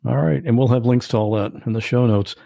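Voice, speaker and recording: A man's voice: medium pitch, quick pace, gravelly, dark tone, no echo, studio quality. A man hosting a podcast, speaking casually and directly to his listeners. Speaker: podcast host. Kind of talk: interview and scripted outro.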